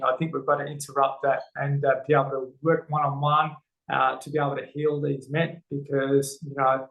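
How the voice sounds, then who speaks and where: A men's health educator with an Australian accent speaks earnestly as a guest in a casual interview, full of fillers and restarts. His mid-range voice is creaky and a bit bright, and the audio is poor and reverberant.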